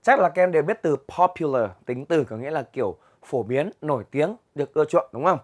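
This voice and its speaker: A young man with a Vietnamese accent teaching English vocabulary, patiently explaining words and reading them aloud slowly in a classroom. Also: fairly high pitch, expressive. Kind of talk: vocabulary lesson for students. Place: classroom with a chalkboard.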